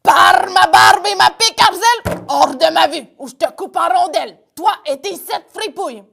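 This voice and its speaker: A woman's voice: animated, moderate pace, creaky, fairly bright tone, heavily acted. A woman voicing a fearsome, rich old male pirate captain who bellows threats. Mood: furious. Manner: booming, bullying threats.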